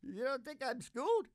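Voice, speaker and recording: An older man in his 60s or above, a podcast host and singing DJ, fills the gaps between songs with rambling comic banter that's folksy, jokey, and mock-boastful. His voice is very high-pitched. He's recorded close on a stand microphone on a small curtained indoor studio stage, with studio-quality sound and no echo.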